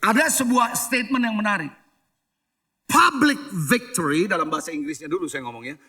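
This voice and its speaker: A man's voice: sits high, very animated, fast, pushed and bright. A middle-aged male pastor preaching a sermon. He tells stories, asks the congregation questions and mixes English phrases into his preaching. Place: church hall.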